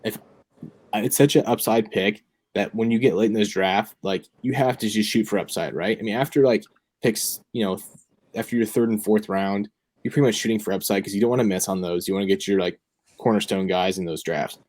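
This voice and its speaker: A young fantasy football podcast co-host chats casually, thinking out loud and using plenty of filler words. His voice sits on the low side, a little mellow, and he speaks fairly quickly.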